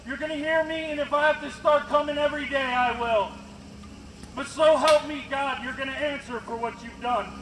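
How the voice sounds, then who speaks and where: Through a bullhorn at an outdoor street rally, a man with a very high, slightly bright voice hammers out a confrontational, accusing protest speech. His intonation stays fairly even and his speed is normal. Traffic rumbles behind him, and the recording is noisy and echoey.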